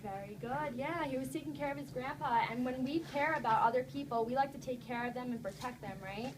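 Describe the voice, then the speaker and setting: In a noisy classroom recording, a woman teaches young children, reading them a story and discussing it. Her voice sits high and moves briskly, and she keeps encouraging the kids with frequent check-in questions.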